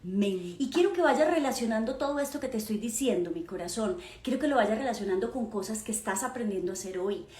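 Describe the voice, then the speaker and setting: A woman's voice: fairly high pitch, animated, fast talker, darkish tone. A woman gives a live motivational lesson, telling stories fondly with pet names, diminutives and emphatic asides to the listener. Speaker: mother and personal-growth speaker. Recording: roomy echo.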